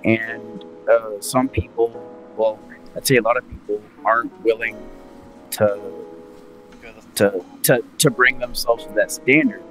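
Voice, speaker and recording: A man's voice: fairly low pitch, fairly even intonation, unhurried, fairly bright tone, soft background music. A man on an online call, sounding muffled and underwater because he talks from bed without a headset, hesitant and full of fillers. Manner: hesitant, many uh and um fillers, restarts. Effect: muffled, underwater-sounding audio. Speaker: panelist giving advice. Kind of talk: casual group chat. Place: in bed at home. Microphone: built-in mic, no headset.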